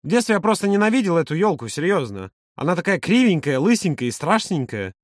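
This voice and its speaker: A man voicing a lively, teasing young man in an audiobook, pitched higher than his narration. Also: fast talker, no echo, studio quality. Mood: amused. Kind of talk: audiobook character voice.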